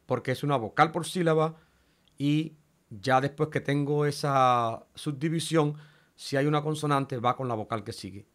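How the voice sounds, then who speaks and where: A man's voice: on the high side, fairly bright tone. A man teaching a Greek class in Spanish, explaining rules patiently and sounding out words syllable by syllable. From Cuba. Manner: slow, patient, spells out syllables one by one. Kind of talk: classroom lecture.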